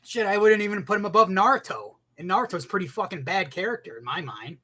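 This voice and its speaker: High-voiced man ranting about anime. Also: quick pace, breathy edge. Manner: animated and profane, bursting into shouts. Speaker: anime commentator. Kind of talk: casual opinion rant.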